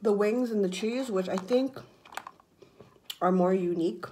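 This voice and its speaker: A woman's voice: mid-range voice, unhurried, warm tone, slight background noise. A woman in her thirties chatting casually about food, talking with her mouth full as she chews. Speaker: vlogger eating on camera. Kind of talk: casual chat, mukbang food tasting. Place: room indoors at a table.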